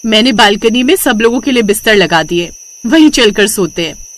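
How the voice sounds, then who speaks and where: Woman voicing cartoon young wife, earnest, persuasive, clear. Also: on the high side, lively intonation, normal speed, fairly bright tone. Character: sensible young wife Radhika, calm and firm.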